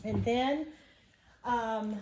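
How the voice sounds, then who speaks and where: A woman's voice: on the high side, very slow, darkish tone, a little hiss or hum. A woman with an Ohio accent, co-hosting a casual stitching show, chatting enthusiastically and laughing often. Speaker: co-host of a stitching video show. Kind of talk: casual chat showing purchases.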